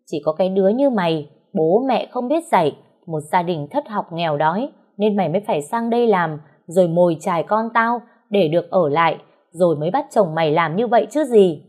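A woman's voice: on the low side, animated, brisk, a little mellow. A woman voicing a furious older mother-in-law who scolds in a harsh, contemptuous voice. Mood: scolding.

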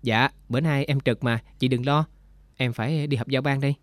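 A man reading the part of a calm, practical male doctor, speaking in a matter-of-fact, calming way. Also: medium pitch, fairly quick, dry recording, clean studio sound, natural voice.

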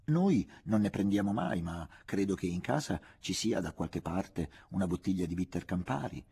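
A man voicing a witty, ironic young woman, lively and affectionately bossy in her teasing. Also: low-pitched, moderate pace, gravelly, husky, full character voice. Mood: coaxing.

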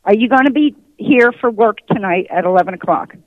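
A woman's voice: mid-range voice, animated, a little fast, no room sound. A woman posing as someone's boss on a prank phone call, heard over the phone and repeating the same insistent lines. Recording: muffled phone line.

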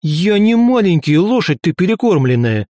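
A man's voice: high-pitched, big pitch swings, normal speed, a little mellow, dry recording, clean studio sound, voice pushed up. Man putting on a snarling tiny hamster god. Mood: scornful. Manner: boastful and scornful, snapping insults. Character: irritable arrogant tiny male hamster deity.

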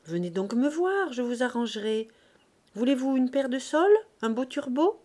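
Woman voicing a sly young fishwife, coaxing, wheedling, raised pitch, audiobook figure. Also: very animated, drawn-out words, dark tone, exaggerated voice.

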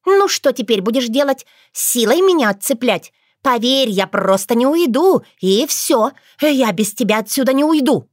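A woman voicing a pushy, vain young vixen with a shrill, wheedling manner in an audiobook. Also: expressive, normal speed, no room sound, clean studio sound. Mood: indignant. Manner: shrill, wheedling then hissing. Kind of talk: audiobook character voice.

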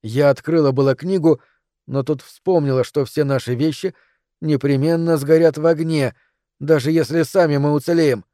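A man narrating an audiobook in a measured, dramatic reading. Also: a little high, steady tone, mellow, no room sound, clean studio sound. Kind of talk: scripted narration.

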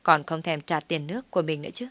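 A woman's voice: low voice, quick pace, fairly bright tone, dry recording. A woman voicing a blunt, middle-aged tea stall owner who grumbles at two runaway customers. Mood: grumbling.

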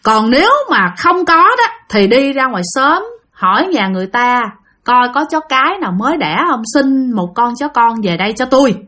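A woman voicing a mysterious middle-aged male boatman sorcerer who gives flat, matter-of-fact demands. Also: fairly high pitch, moderate pace. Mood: stern.

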